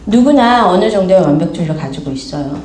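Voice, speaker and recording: Woman lecturing lively in an echoey room. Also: fairly low pitch, fast talker. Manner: lively, asks the audience questions, acts out quoted scolding. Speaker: seminar speaker. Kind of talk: informal seminar talk to an audience. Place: gallery studio seminar room. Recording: echoey room with faint background noise.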